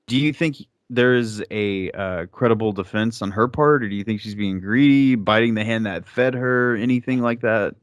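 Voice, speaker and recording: A man's voice: lowish voice, moderate pace, few pauses, clean tone, dry recording, clean studio sound. A man hosting a podcast, chatting casually about movies in a rambling way with lots of fillers. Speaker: podcast host.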